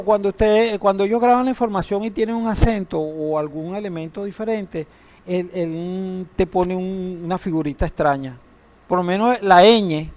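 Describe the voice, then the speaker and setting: In a classroom database lecture, the teacher's voice sits high and sounds a little mellow. He puts questions to the class and uses humor from time to time.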